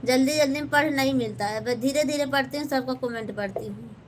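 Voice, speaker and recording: A woman's voice: high-pitched, brisk, slight background noise. A woman with an Awadhi-tinged Hindi accent hosting a casual live stream from her home kitchen, politely chatting and thanking viewers by name, recorded on a phone.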